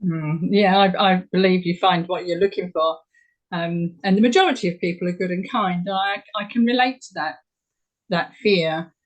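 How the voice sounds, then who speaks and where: A woman's voice: fairly low pitch, normal speed, dull audio. A woman interviewer who asks searching questions hesitantly, often repeating words as she finds them. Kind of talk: conversational interview.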